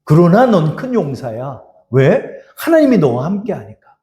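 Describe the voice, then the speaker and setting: A man's voice: fairly high pitch, big pitch swings, moderate pace, warm tone, lo-fi sound. A male pastor preaching a sermon in a church, exhorting the congregation and speaking to them in God's voice. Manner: exhorting, speaks directly to listeners as God. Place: church sanctuary. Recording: echoey church hall.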